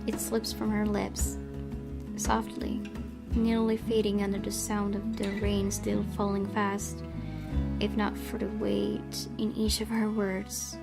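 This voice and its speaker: Game music plays as a woman streamer works through a horror visual novel, reading passages aloud and joking in between. She speaks slowly in a medium-pitched, monotone, creaky voice.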